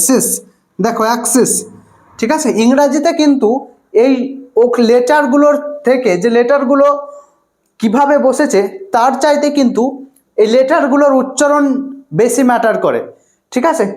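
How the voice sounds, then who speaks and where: A male English teacher with a Bengali accent gives an online exam-prep lecture, repeating words and asking rhetorical questions that he answers himself. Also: very high voice. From West Bengal, India. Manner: repeats words and often says "okay".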